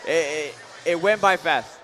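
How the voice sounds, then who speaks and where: A man's voice: on the high side, a little slow, fairly bright tone, a little hiss or hum. A man giving live, conversational boxing commentary, thinking aloud and repeating words as he goes.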